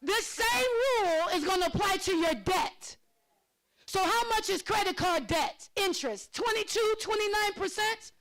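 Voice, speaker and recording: A woman presenting a financial literacy workshop, lively and excitable, laughing often and calling on audience members by name. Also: extremely high pitch, moderate pace, low-quality recording. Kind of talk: interactive workshop teaching.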